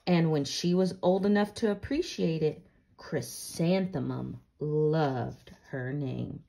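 Slow, deliberate woman reading a storybook aloud. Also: deep voice, gravelly. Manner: slow, deliberate storybook phrasing with gentle questions. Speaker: read-aloud reader. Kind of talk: storybook read-aloud with casual chat.

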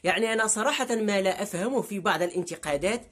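A Moroccan vlogger in his thirties talks straight to his webcam from the sofa in his living room, gesturing constantly and repeating words emphatically to hammer home each point. His voice is high-pitched, fairly bright, slightly rough, and very fast.

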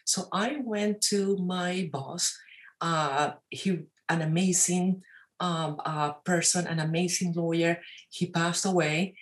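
A Venezuelan-accented woman in her forties, speaking in a slightly low voice over a webcam from an office. She talks in a lively, gesturing way, full of fillers and questions tacked on at the end of her sentences. It is an easygoing interview with no script. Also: takes it slowly. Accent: Venezuelan Spanish. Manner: animated, gestures a lot, many tag questions and fillers. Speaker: guest entrepreneur. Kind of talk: casual interview talk. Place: wood-panelled office, indoors. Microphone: webcam on a video call.

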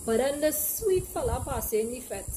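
Her voice is high-pitched, animated and warm, moving at normal speed: a young adult from Trinidad and Tobago with a Trinidadian Caribbean accent, working as a language teacher and presenter. On an outdoor open porch backed by trees, she explains things to camera casually and playfully, sliding into local dialect examples, with clear outdoor background noise.

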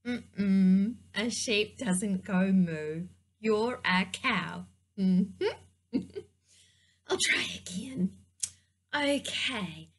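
A woman's voice: medium pitch, expressive, very slow, long pauses. A woman teaching preschoolers, talking to the children in a playful, sing-song way during a puppet-show lesson.

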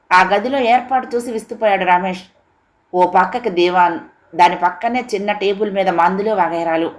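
A woman narrating a family audiobook story in a steady, expressive reading voice. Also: fairly low pitch.

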